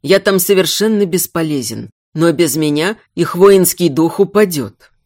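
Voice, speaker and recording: A woman voicing a weary young male king, a besieged warrior who speaks low and tired. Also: animated, unhurried, darkish tone. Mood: bitter.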